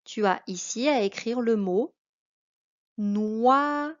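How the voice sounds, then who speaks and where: Slow, careful French woman teacher. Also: mid-range voice, lively intonation. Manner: slow, careful, addressing a child. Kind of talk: reading lesson for children. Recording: dull lo-fi recording.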